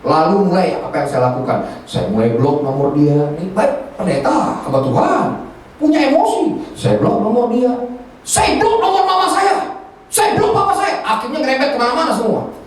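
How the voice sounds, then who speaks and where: Animated pastor in an echoey hall. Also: male voice, very high voice, normal speed. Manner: animated storytelling, colloquial Jakarta slang. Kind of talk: sermon. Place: church hall. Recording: distant echoey church hall recording.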